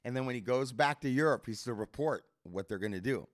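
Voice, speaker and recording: Slangy, enthusiastic man with a mid-pitched voice. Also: lively intonation, brisk. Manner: slangy, says bro and dude often, enthusiastic, repetitive. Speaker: podcast co-host. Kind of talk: casual chat, retelling a story.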